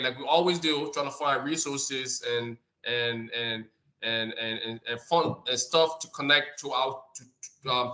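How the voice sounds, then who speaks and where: A man's voice: medium pitch, pushed and bright. A man from Liberia, a nonprofit co-founder and director, speaking on an online community call, often repeating words as he searches for them. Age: adult. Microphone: video call.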